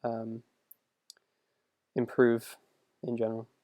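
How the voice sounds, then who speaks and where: A young animator and video creator answers viewer questions on a livestream, rambling casually and poking fun at himself. His warm, mid-range voice is slow and completely flat in delivery, captured in a dry recording.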